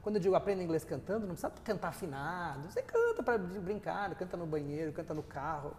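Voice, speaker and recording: A man, an English teacher and author, answering interview questions in a lively, storytelling way. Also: high voice, fast talker, long reverb tail, a little hiss or hum. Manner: lively storyteller who sings snippets and laughs. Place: TV studio.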